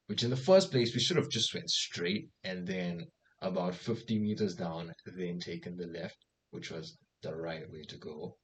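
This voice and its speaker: A young man telling a casual anecdote, animated, acting out the voices of the people in it and swearing freely. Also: sits low, a little hiss or hum. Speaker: storyteller.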